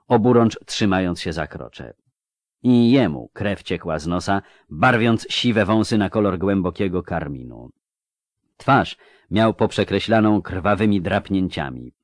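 Deep expressive male narrator, dry sound. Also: dry recording. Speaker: audiobook narrator. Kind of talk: scripted narration.

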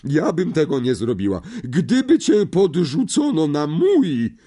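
A man voicing a loud, bossy, bullying middle-aged aunt with a barking, scolding manner. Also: sits high, wildly swooping pitch, unhurried, breathy edge, pitched above the performer's own voice, exaggerated voice.

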